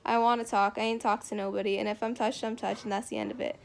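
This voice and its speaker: A woman's voice: medium pitch, little pitch movement, quick pace, creaky, a little hiss or hum, close to an everyday voice. A woman reading the lines of a lonely, bitter middle-aged farmer man who rambles in a drawling rural dialect.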